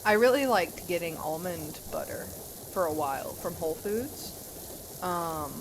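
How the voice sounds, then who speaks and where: A young woman streaming a game, chatting casually with viewers in a chatty, giggly, animated way. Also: lowish voice, unhurried, noisy background. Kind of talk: casual chat while gaming.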